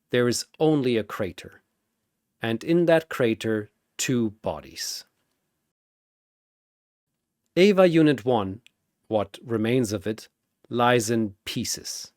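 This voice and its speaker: A man narrates a battle dramatically at a deliberate pace, his theatrical voice building suspense with wide pitch swings. The recording is close and dry, with no echo.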